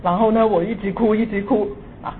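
A woman in her sixties telling a personal ghost story, moving between hushed and excited. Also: mid-range voice, brisk. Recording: tinny phone-like audio with faint hiss.

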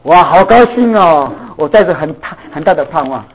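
A middle-aged man preaching a sermon, telling a family story in an animated way and mixing English words into his talk. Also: fairly high pitch, fairly quick, slight background noise. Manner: animated, acts out dialogue, mixes in English words. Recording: tinny phone-like sound.

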